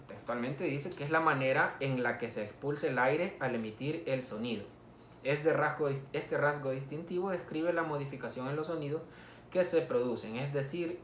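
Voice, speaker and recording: Male language teacher, mid pitch, drills example words slowly, recorded in an echoey room. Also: a little hiss or hum. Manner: slow, repeats example words for students to copy. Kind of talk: phonetics lesson.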